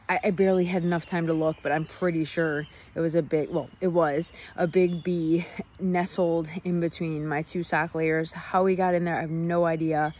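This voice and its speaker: A young woman talks through her day in a loose, rambling travel-vlog recap with a slightly low voice. She laughs easily. Faint road noise hums behind her phone recording. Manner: chatty, rambling, laughs often. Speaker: travel vlogger. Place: outdoors near a highway.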